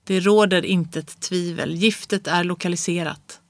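A reader voicing a brisk, assured doctor. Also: medium pitch, steady tone, dry recording, lightly acted. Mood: reassuring. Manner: brisk, reassuring. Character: confident male doctor, brisk and reassuring. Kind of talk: audiobook reading of classic prose.

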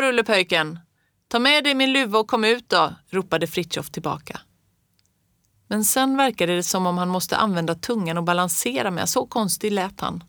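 A woman narrating a children's story aloud in a lively, expressive way. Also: mid-range voice, no room sound, clean studio sound.

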